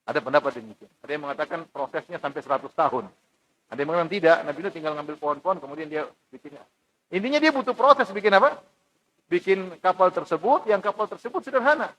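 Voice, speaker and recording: A male preacher at a mosque giving a Quran commentary lesson, animated, acting out mocking townsfolk in lively asides. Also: on the high side, quick pace, slight background noise, low-quality recording. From Indonesia. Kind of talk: mosque study sermon.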